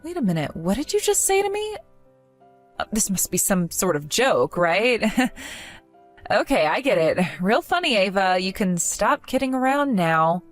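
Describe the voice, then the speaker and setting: A woman's voice: medium pitch, sing-song, moderate pace, faint music behind, close to an everyday voice. A young woman voicing an earnest, hurt young woman pleading with a friend who turned on her.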